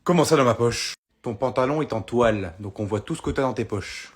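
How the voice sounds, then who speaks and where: A man acting out several characters in comedy sketches, often shouting when outraged. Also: mid-range voice, brisk, breathy edge.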